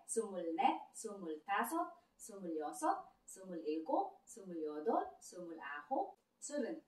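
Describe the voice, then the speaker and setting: A woman language teacher leading a counting drill, reading number lists aloud carefully and deliberately. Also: on the high side, distant mic. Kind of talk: slow counting drill lesson. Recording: roomy echo, voice away from the mic.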